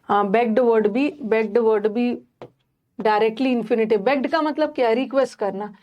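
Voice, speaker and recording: A woman's voice: on the high side, steady tone, normal speed, dull audio. A young woman teaching an English grammar class, chatty and talking straight to her students with many fillers and restarts. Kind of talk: online class lecture.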